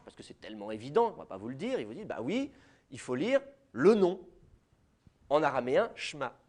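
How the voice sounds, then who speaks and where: A man's voice: on the high side, darkish tone. A man with a French accent giving a university lecture, explaining to students directly, with many fillers. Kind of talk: classroom lecture.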